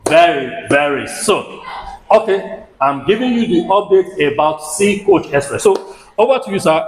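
An upbeat man with a West African English accent runs an on-location interview vlog. His voice carries through an echoey indoor room, with faint background noise under it. He echoes each answer back in his own words. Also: mid-range voice. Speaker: travel vlogger interviewing staff. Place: indoor restaurant and office.

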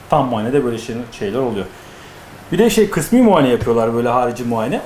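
A man's voice: mid-range voice, darkish tone. A man explaining customs procedures in casual talk, telling stories with acted-out dialogue. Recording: echoey room with faint noise.

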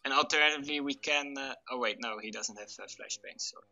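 A man's voice: mid-range voice, quick pace, gravelly, bright, forceful tone. A man leading a team in a military game, casually explaining tactics in a hesitant way over voice chat. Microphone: gaming voice chat. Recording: dull online voice chat.

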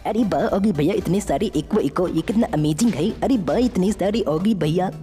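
A woman's voice: on the low side, moderate pace, natural voice. A woman voicing a cheerful, jokey young male sidekick in a fan-made game story. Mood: playful. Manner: jokey, excited, teasing. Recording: reverberant with faint music.

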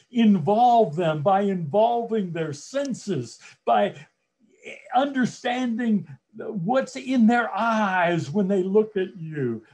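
Male speaking coach, mellow and husky, unhurried motivational delivery with long pauses. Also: sits high. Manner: slow, deliberate delivery with long pauses and repeated phrases. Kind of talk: motivational talk on public speaking.

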